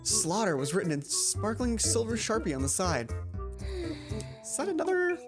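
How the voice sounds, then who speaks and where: Over music, a let's play host with a mid-range voice and huge pitch swings reads a visual novel game at normal speed. She trips over the words, breaking away for casual, exasperated asides.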